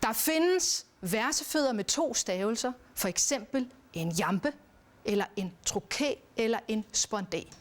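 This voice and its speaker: A woman giving a recorded lesson on poetry, speaking in a measured way and chanting verse rhythms aloud. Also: on the high side, animated. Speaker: teacher. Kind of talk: educational lecture.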